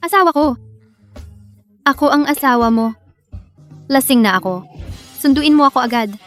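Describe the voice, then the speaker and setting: A woman's voice: high-pitched, normal speed, a bit bright, soft background music. A woman playing a tipsy, lovestruck, clingy young woman in a dubbed drama. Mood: drunken, clingy.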